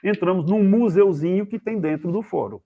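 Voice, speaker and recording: A man with a Brazilian accent, a guest journalist, telling anecdotes in a casual, animated way and acting out the voices of the people in them. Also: sits high, moderate pace. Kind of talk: casual storytelling. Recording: tinny phone-like video call audio.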